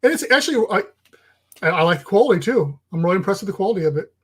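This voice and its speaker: High-voiced joking man co-hosting. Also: sing-song, fairly bright tone, husky. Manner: joking, quick back-and-forth, easygoing. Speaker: co-host of a live ocean talk stream. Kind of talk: casual live-stream chat.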